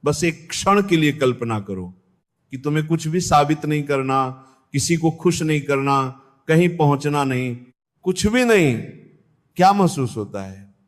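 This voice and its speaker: A man as a spiritual teacher giving a discourse, measured and repetitive, speaking straight to the listener and asking them questions. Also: fairly high pitch, lively intonation.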